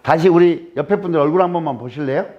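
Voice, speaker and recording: A man's voice: a little high, quick pace. A man from Jeolla with a Jeolla Korean accent, giving a humorous lecture to a live audience, joking, teasing and firing rhetorical questions at the crowd. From Jeolla, South Korea. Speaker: guest lecturer. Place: lecture room. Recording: dull lo-fi recording.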